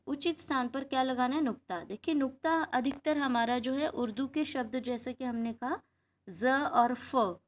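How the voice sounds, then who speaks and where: A woman teacher giving a Hindi grammar lesson, explaining patiently and asking the class questions. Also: high voice.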